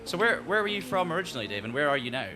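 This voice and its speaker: A man with a soft, fairly neutral Highland Scottish accent, chatting casually as he hosts a sim racing livestream. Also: sing-song, rapid-fire, over music. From Scottish Highlands, north of Inverness. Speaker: livestream host and sim racer. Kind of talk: casual livestream chat while gaming.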